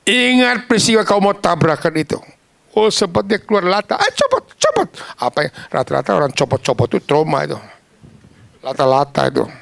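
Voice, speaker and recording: A man preaching a sermon, telling stories in a lively, casual, slangy way and acting out the voices of the people in them. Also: a little high, creaky, dry recording. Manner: animated, acts out quoted voices.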